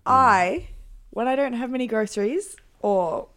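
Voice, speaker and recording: A woman co-hosting a casual podcast, chatty and quick to defend her opinions. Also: on the high side, a bit bright. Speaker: podcast co-host. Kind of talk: casual chat.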